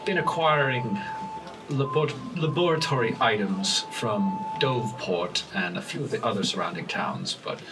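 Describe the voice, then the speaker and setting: A man playing a tabletop game, improvising in a hesitant, measured and somewhat formal way. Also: medium pitch, far from the mic, music in the background. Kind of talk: improvised role-play and table talk. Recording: noisy room, slightly off mic.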